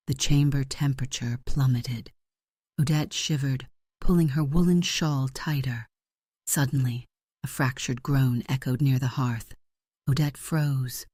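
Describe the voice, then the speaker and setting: Mellow dark-toned male audiobook narrator. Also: medium pitch, no room sound, clean studio sound. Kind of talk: scripted romance audiobook narration.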